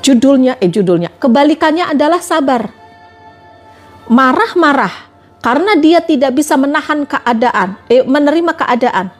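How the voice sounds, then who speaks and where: High-voiced woman preaching on a live stream. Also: animated, normal speed, soft background music. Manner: repetitive rhetorical questioning. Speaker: religious speaker on a live stream. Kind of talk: live-stream religious talk.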